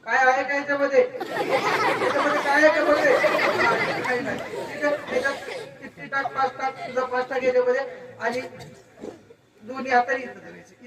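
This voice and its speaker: A man with a Marathi accent, a stage magician giving loud drill commands to children at a live show. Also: extremely high pitch, fairly even intonation, fairly quick. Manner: commanding, counts and barks drill orders. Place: outdoor birthday event. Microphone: handheld stage mic. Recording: echoey crowd, far from mic.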